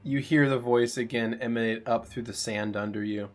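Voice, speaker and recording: A man's voice: medium pitch, steady tone, brisk. A man running a tabletop game as game master, switching between narration and casual replies to players. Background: faint music.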